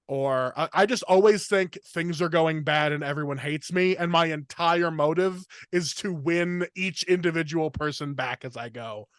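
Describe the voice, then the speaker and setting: A man's voice: a little high, clear, resonant tone, no room sound. Rambling man, dry close mic. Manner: rambling, filler-heavy, fast torrent of words. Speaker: podcast host, comedian. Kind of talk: casual podcast chat.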